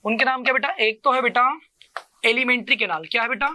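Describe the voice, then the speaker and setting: A male coaching teacher giving a lecture. He asks each question, answers it himself in a lower voice, and repeats every term to drill it. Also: fast, background noise. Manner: keeps calling the listener "beta" and repeats each term. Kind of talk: classroom lecture with call-and-response drilling.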